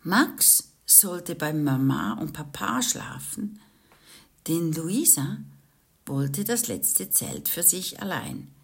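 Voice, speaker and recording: A woman reading a children's book aloud in a lively way, with chatty asides to young listeners. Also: deep voice, takes it slowly, creaky, husky. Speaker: storyteller.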